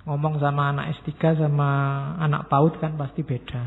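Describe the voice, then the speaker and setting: Joking lecturer in an echoey hall. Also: male voice, a little high, moderate pace, creaky, a little hiss or hum. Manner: relaxed and joking, drops Javanese words. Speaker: philosophy lecturer. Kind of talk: casual lecture to students. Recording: tinny phone-like sound in a long-reverb hall.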